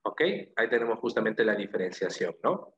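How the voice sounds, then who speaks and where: A man with a Peruvian accent gives a classroom lecture, explaining patiently step by step and repeating his key points. His voice sits fairly low. The recording sounds roomy and a little dull. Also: steady tone, fairly quick. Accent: Peruvian Spanish. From Peru. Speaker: language teacher.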